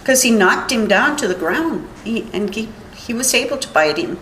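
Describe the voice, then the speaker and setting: Older woman witness, slow halting testimony, somewhat high voice, roomy court sound with faint hum. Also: expressive, fairly bright tone. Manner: halting, rambling retelling with many restarts.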